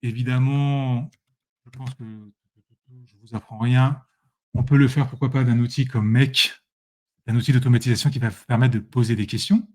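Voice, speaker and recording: A man's voice: medium pitch, fairly even intonation, moderate pace, a little mellow. A man giving a casual live tutorial while sharing his screen, chatty and self-correcting, speaking straight to his viewers on a computer mic. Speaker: presenter demonstrating software.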